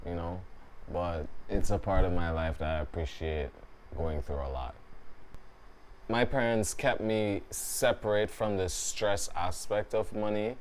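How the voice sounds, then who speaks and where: A man in his twenties from Saint Vincent, speaking calmly and measuredly in a documentary interview. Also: deep voice, clean tone. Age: 20s.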